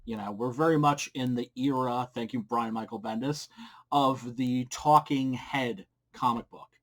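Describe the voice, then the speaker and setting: A middle-aged man with a medium-pitched, fairly bright voice speaks unhurriedly as host of a casual how-to vlog, addressing the camera in a blunt, informal and mildly profane way. He is a comic book creator who runs a video series, recording in a small wood-panelled room at home with a large studio mic on a boom arm fitted with a pop filter.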